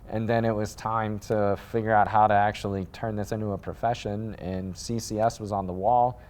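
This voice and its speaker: Rambling, low-voiced man from the Midwest. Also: normal speed. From Midwest United States. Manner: rambling, animated, with frequent fillers and restarts. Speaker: guest, sneaker designer. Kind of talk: casual interview storytelling.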